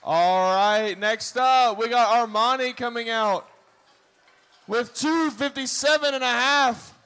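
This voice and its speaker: A man announcing a powerlifting meet live, working up the crowd like a showman with booming calls, drawn-out numbers and urging. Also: pushed and bright, clear, resonant tone. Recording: crowd noise in a live venue.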